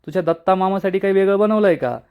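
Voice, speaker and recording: A man's voice: high-pitched, fast talker, clear, resonant tone, highs cut off, voice pushed up. A man doing a scolding village mother. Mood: angry. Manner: scolding, harsh. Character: angry strict middle-aged village mother.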